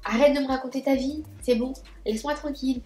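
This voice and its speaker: Young woman, storytime vlog, chatty and animated, somewhat high voice, echoey room. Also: quick pace, soft background music. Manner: chatty and animated, many fillers and restarts, acts out her own quoted lines. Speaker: beauty vlogger telling a story.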